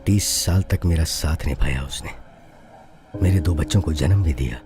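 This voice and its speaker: Over music, an actor with a rumbling low voice at normal speed dubs film dialogue as an older, honest policeman, now suspended and a bitter widower. Grieving and tearful, his voice breaks as he speaks mournfully and deferentially, repeating "sir".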